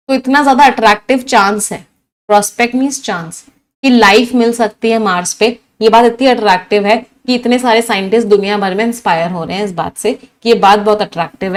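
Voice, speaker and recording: In a mid-pitched voice, a woman teaches English vocabulary in a live online class, alternating between Hindi and English. She lively rattles off long chains of synonyms and repeatedly calls on her students to answer.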